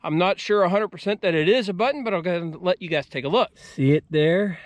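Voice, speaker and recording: A man with a high voice and an American accent narrates casually to his viewers outdoors. His manner is folksy, and he explains each step as he goes, like a hobbyist host showing finds. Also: brisk, dry recording. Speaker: metal detecting video host. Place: outdoors at an old homesite.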